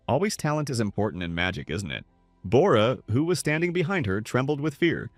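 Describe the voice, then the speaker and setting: A man narrating a comic story recap in a steady, scripted storytelling manner. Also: fairly low pitch, dry recording.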